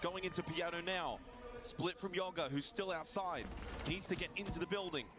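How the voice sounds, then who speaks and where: A man casting a live esports match play-by-play, building excitement on big plays. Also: high-pitched, moderate pace, noisy background.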